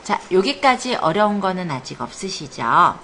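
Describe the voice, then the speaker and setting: A woman who teaches a spreadsheet class at a computer academy leads a hands-on lesson step by step, her lowish voice swinging widely in pitch with a sharp edge at a moderate pace. She often checks that students are keeping up with short questions and encouragement. Classroom background noise is clearly audible.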